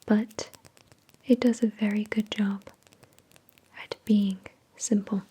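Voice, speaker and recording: A woman hosting an ASMR product review in a soft, breathy whisper, with an unhurried, measured delivery. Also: mid-range voice, fairly even intonation. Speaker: ASMR video host.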